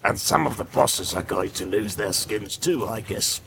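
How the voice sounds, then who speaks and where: A man voicing a sullen male orc tracker who mutters complaints and snarls back in a gravelly voice. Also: on the low side, lively intonation, moderate pace, fairly bright tone, a little hiss or hum. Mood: sullen grumbling. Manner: muttering and grumbling, flaring into snarls.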